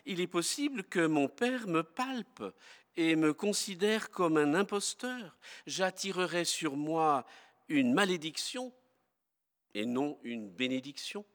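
Anxious young guy pleading with his dad, a man reading it out, slow, big hall echo. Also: fairly high pitch, expressive, pitched above the performer's own voice. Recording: long hall reverb.

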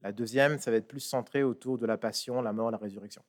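A man reading a passage aloud and then preaching on it in a measured, emphatic way. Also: mid-range voice, steady tone. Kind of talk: sermon with scripture reading.

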